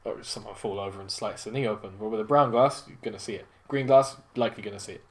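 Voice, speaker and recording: A man's voice: lowish voice, fast. A man from England with an accent that mixes English, Irish and American, chatting casually as a podcast co-host and swearing freely. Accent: mixed English, Irish and American. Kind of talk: casual chat.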